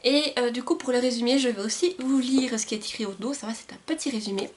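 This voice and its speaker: A woman's voice: fairly high pitch, fast talker. A woman book vlogger talking casually and enthusiastically about books she received, with frequent filler words. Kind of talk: casual book haul chat.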